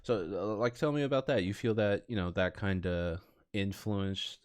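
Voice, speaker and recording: Smooth, low-voiced Bay Area bro host. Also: male voice, normal speed. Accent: Californian, Bay Area. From San Francisco Bay Area, California. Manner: laid-back bro talk with heavy slang. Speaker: podcast host. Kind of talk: casual live podcast chat.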